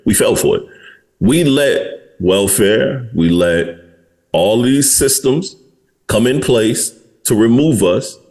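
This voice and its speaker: A man's voice: medium pitch, slow pace, a little mellow. Podcast host, man in his 40s, blunt and candid, casual delivery.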